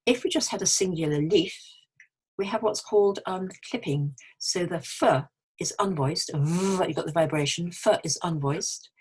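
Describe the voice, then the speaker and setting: An older woman with a British RP accent, talking quickly while she teaches English pronunciation and demonstrates each sound. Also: lowish voice, slightly rough. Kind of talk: pronunciation lesson.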